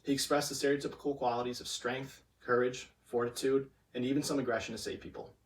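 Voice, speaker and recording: A man's voice: mid-range voice, steady tone, fast talker. A young man giving a prepared persuasive competition speech in a stiff, formal, memorized delivery. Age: young adult. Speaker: student competition speaker. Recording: distant microphone.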